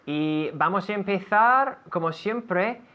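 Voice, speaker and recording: A man's voice: sits high, animated, slow, pushed and bright. A man from Canada co-hosting an English lesson in a casual classroom chat, friendly, with small restarts. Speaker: co-host English teacher. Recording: dull lo-fi recording.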